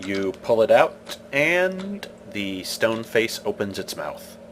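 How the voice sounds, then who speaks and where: Low-voiced, forceful male game master. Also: sing-song, slow, slight background noise. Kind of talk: casual tabletop game narration.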